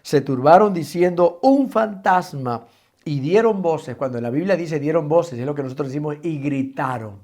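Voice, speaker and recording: A man with an Ecuadorian Spanish accent teaching a Bible study, telling the story with animated voices and dropping to a soft, low voice on key points. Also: a little fast, few pauses. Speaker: pastor leading a Bible study.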